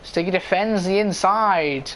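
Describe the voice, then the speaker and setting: High-voiced male motorsport commentator. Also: a little slow, fairly bright tone, a little hiss or hum. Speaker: motorsport commentator of an online sim racing league. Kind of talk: live motorsport commentary of a racing game.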